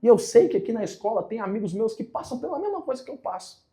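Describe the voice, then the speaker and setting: A man's voice: very high voice, big pitch swings, quick pace, dark tone, pitched above the performer's own voice. A man voicing a troubled teenage schoolboy, the class clown, who speaks in an earnest, pleading way.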